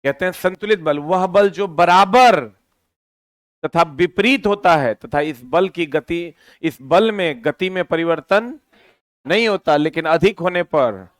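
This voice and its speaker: High-voiced man teaching a physics class. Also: slow pace, no room sound. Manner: lively, quizzing students with repeated questions. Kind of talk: physics lesson for students.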